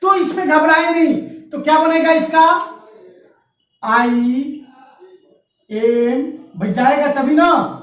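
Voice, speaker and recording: A man's voice: very high voice, slow pace, long pauses, a bit bright. A male teacher giving a grammar lesson, asking questions and answering them himself, and dictating example sentences word by word. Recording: echoey room, voice from far off.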